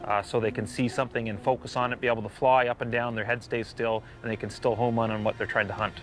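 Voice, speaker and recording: A man giving an unscripted expert interview, explaining things informally and a little haltingly. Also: mid-range voice, little pitch movement, a bit bright. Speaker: bird of prey expert interviewee.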